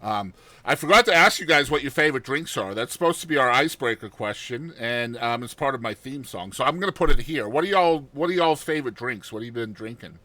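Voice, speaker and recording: Bright-voiced chatty male podcast host. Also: medium pitch, expressive, fast talker, no echo. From Massachusetts. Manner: chatty, jokey, laughs often. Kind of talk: casual interview chat.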